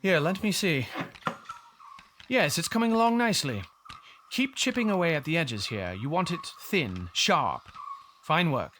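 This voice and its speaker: An animated, well-spoken Hook. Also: male voice, fairly high pitch, measured pace, long pauses, slight background noise. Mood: patient, instructing. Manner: formal, articulate, eloquent. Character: grown Englishman banker turned self-styled captain, courteous and ambitious. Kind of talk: audio drama acting.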